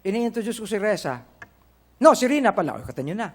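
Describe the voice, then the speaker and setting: Filipino male pastor, middle-aged, high and lively delivery, preaching and calling out to the congregation. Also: quick pace. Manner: preaching in Tagalog mixed with English, quoting scripture; calls on the congregation with "Amen?" and "Correct?". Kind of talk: sermon.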